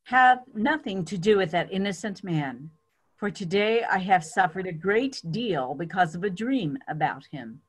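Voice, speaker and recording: A woman's voice: medium pitch, animated, measured pace, slightly rough. A woman giving a dramatic reading of scripture as a church reader.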